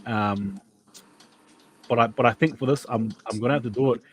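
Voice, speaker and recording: A man's voice: medium pitch, moderate pace, poor audio. A man from New Zealand hosting a casual rugby league preview, chatty and given to repeating himself and restarting. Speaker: podcast host.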